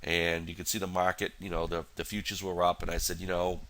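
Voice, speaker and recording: Male trader, very low pitch, nasal from a cold, rambling casual chart walkthrough. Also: little pitch movement, quick pace, fairly bright tone, slight background noise. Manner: rambling, many fillers and restarts. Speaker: futures trader. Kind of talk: casual market analysis walkthrough.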